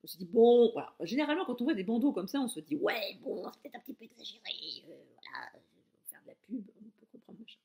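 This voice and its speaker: A woman's voice: a little high, expressive, fast talker, dark tone. A woman from France giving a casual, enthusiastic book review straight to her viewers.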